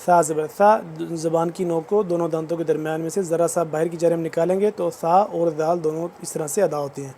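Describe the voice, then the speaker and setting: A high-pitched man with a Pakistani Urdu accent teaches tajweed. He draws out each recited phrase slowly, then breaks into quick, quiet explanations of the letters. His tone is mellow and fairly flat. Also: slight background noise. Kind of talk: tajweed lesson, slow recitation with fast spoken explanations.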